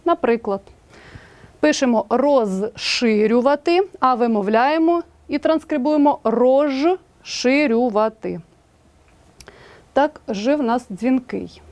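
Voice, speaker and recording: A woman with a Ukrainian accent narrates a scripted lesson. Her voice sits a little high. She pronounces each example word slowly and carefully. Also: animated, darkish tone. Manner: clear, slow enunciation of example words. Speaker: language teacher.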